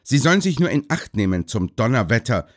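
A man doing a furious blustering gentleman. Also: fairly low pitch, lively intonation, unhurried. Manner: shouting, broad country dialect.

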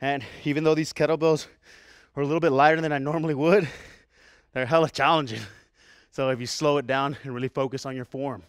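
A man's voice: medium pitch, steady tone, a little fast, clear, resonant tone, no echo, studio quality. A young man coaching a kettlebell workout, counting reps aloud, out of breath and sighing between sets. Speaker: fitness coach. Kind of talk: workout instruction.

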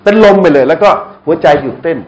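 A middle-aged man giving a lively sermon to a live audience, often asking them questions and joking. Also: on the high side, quick pace, low-quality recording. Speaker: Islamic lecturer. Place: restaurant hall, live audience.

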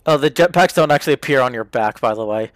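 A man's voice: medium pitch, expressive, quick pace, dry recording, studio quality. A man chatting casually as a player in game voice chat, laid-back and swearing freely.

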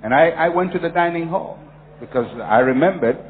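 A man's voice: fairly high pitch, fairly quick, a little hiss or hum. A man from Ghana preaching a sermon, emphatic and repetitive, telling stories from his own life. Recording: phone-like audio in a reverberant hall.

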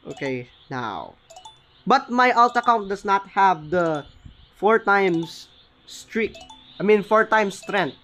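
Excited young-sounding gaming host. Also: male voice, high-pitched, takes it slowly, a little hiss or hum. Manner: excited, often corrects himself mid-sentence. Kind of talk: casual gameplay commentary.

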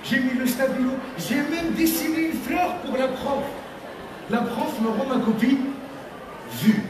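Young male comic from Tunisia, high-pitched, animated; filmed from far back in an echoey hall with crowd noise. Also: unhurried. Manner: animated, acts out characters with pitch jumps. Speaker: stand-up comedian. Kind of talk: stand-up comedy. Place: large theater stage with live audience. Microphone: handheld mic, filmed from the audience.

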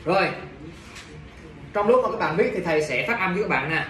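Teacher drilling words in an echoey classroom. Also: male voice, high-pitched, animated, fairly bright tone. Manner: repeats words slowly and checks in with students. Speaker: English teacher. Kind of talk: classroom pronunciation lesson. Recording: echoey room, mic far off.

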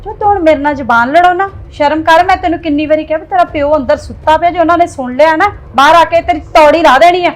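A woman's voice: extremely high pitch, moderate pace, very echoey, recorded from a distance, low-quality recording. A woman playing a stern scolding mother. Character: scolding middle-aged mother of a teenage son. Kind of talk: family web drama acting.

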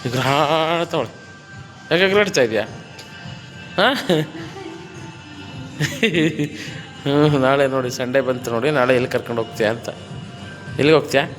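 A man's voice: mid-range voice, unhurried, pauses often, fairly bright tone, in a large hall, soft background music. A man working as a fitness trainer, counting reps and coaxing and teasing his client through a workout in a gym. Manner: counts reps, coaxes and teases the client playfully.

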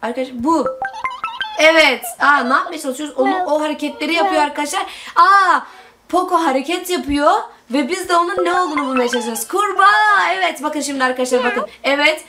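An excitable woman with a high voice, narrating a mobile game she is playing. She keeps exclaiming and calling out to her viewers. Loud game music plays behind her. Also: fast talker. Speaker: gaming video host. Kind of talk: excited let's-play commentary.

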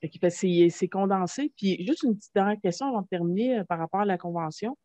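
Speaking quickly in a medium-pitched, mellow voice with a Québécois French accent, a woman hosts a video-call interview from a small room at home, hesitating with fillers and restarts. Her desk microphone yields dry, dull, lo-fi call audio.

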